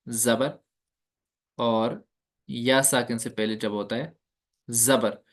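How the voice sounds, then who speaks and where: A man's voice: mid-range voice, fairly even intonation, drawn-out words. A man teaching a recitation class. He explains each point step by step, asks the class questions and demonstrates the sounds. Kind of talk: classroom lecture.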